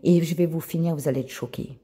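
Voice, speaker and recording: Low husky woman giving a testimony. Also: quick pace. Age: adult with a child. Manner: animated, repeats words, addresses listeners as friends; retells dialogue in quoted voices. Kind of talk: spoken personal testimony to viewers.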